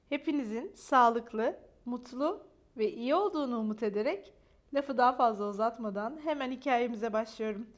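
A woman reading a bedtime story to young children in a sweet, animated, drawn-out way. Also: high-pitched.

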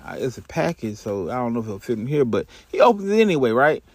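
A man's voice: mid-range voice, very animated, fast talker, darkish tone, breathy edge, no room sound. A young man casually telling a comic story in slangy, profane speech with many fillers.

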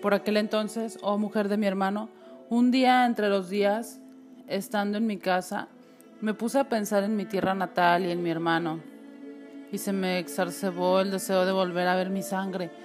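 This is a crafty middle-aged sorcerer from a storybook, faking grief for a brother he never had, as a woman reads him. He speaks in a theatrical, wailing lament, pitched in an ordinary middle register. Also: fairly even intonation, moderate pace, music in the background, close to an everyday voice. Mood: grandly pleading. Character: scheming middle-aged sorcerer posing as uncle.

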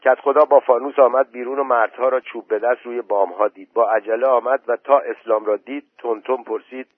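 Husky-voiced man reading a story. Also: mid-range voice, steady tone, no room sound. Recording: tinny phone-like recording.

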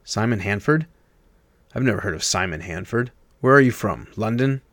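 A man's voice: lowish voice, expressive, normal speed, a bit bright, no echo, clean studio sound. A man voicing a small, grumpy dwarf with a snooty, snappish, impatient manner in a storybook reading.

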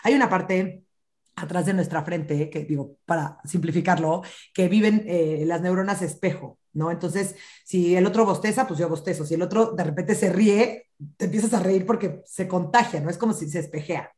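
A woman, a parenting expert, explaining child development in an animated podcast chat and acting out children's lines. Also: on the low side, normal speed.

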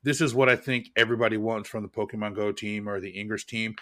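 Animated man chatting on a podcast. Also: fairly low pitch, quick pace. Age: adult with kids. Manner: animated, jumps into exaggerated quoted voices. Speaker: podcast co-host. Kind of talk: casual chat.

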